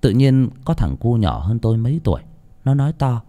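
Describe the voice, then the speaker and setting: A man's voice: medium pitch, very animated, a little fast, dark tone. A man narrating a horror audiobook in a dramatic, tense storytelling manner.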